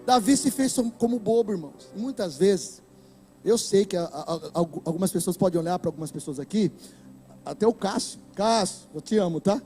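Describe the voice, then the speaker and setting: A man with a Brazilian Portuguese accent preaching a sermon to a church, impassioned and breaking into shouts. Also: sits high, lively intonation, brisk, faint music behind. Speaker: pastor. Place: church hall.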